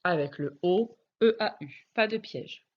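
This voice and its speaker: A woman's voice: fairly low pitch, lively intonation, unhurried. A woman teacher giving a recorded reading lesson to young children, carefully spelling out letters one by one. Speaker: primary school teacher. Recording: dull lo-fi recording.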